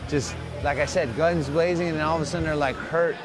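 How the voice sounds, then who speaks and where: Music plays behind a mixed martial arts fighter from the Philippines, whose first language is Tagalog, as he's interviewed in a gym. His slightly high voice moves fairly quickly with fairly even intonation, and his replies are relaxed and upbeat, peppered with "you know" and "man."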